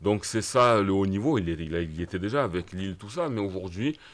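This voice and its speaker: A man's voice: deep voice, animated, quick pace. A man giving his opinions as a panelist in a casual football chat.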